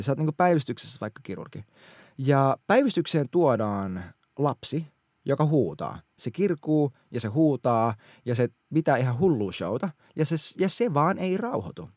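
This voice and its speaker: Male teacher, casual faith talk, earnest and colloquial, lively pitch, dry close sound. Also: no echo. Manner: animated, colloquial, earnest, many restarts.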